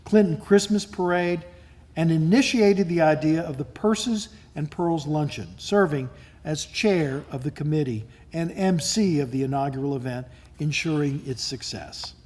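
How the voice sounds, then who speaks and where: A man's voice: fairly high pitch, moderate pace, a little mellow. Man formally reading award citations. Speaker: awards presenter. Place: event hall at a lunch.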